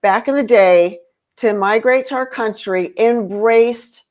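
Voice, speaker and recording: A woman's voice: on the high side, slow, darkish tone. A woman talking casually as a podcast guest, rambling with lots of fillers and restarts. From grew up in Europe. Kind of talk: casual conversation.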